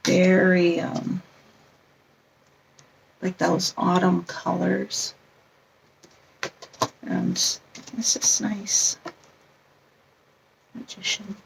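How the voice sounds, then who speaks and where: A woman's voice: on the low side, flat delivery, very slow, creaky, long pauses, recorded from a distance, noisy background. A woman chatting casually as a tarot vlogger, meandering and often correcting herself as she shows things off. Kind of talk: casual show-and-tell chat.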